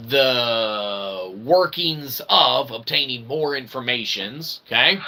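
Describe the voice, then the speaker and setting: In a low-quality recording with obvious background noise, a man who hosts an independent channel and works as a developer delivers a meandering solo monologue. He uses verbose, mock-formal phrasing, dramatic shifts in emphasis and repeated emphatic tags, in a bright, forceful, mid-range voice.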